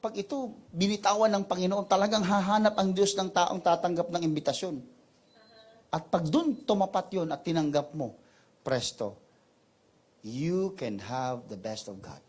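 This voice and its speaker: A male pastor delivers a sermon in a storytelling way. He moves freely between Tagalog and English, and his voice climbs high and intense at the dramatic moments before settling back down. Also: normal speed, a little mellow. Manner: storytelling preacher, mixing Tagalog and English, pitch rising sharply in dramatic parts.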